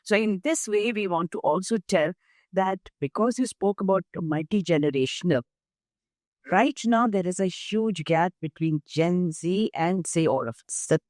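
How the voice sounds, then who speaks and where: An older woman with an Indian accent, speaking as a guest in an interview, measured and emphatic as she explains through lists of examples. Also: lowish voice, lively intonation, a little mellow, no room sound, clean studio sound. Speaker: guest, nonprofit founder. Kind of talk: interview conversation.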